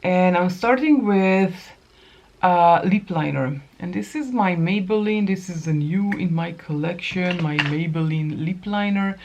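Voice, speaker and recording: A woman's voice: on the low side, a little mellow. A woman in her fifties hosting a casual makeup tutorial, chatting to viewers and correcting herself as she works. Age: 50s. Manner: chatty, talks to viewers while applying makeup, self-correcting. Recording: dull lo-fi sound.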